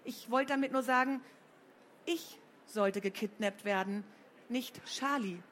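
A woman doing a cheeky, quick-tempered schoolgirl. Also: on the high side, a bit bright, slight background noise, voice pushed up. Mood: defensive.

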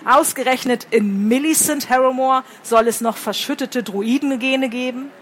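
A woman's voice: high voice, normal speed, close to an everyday voice. A woman reading aloud and voicing a menacing, scornful male spirit with a hissing, disdainful manner.

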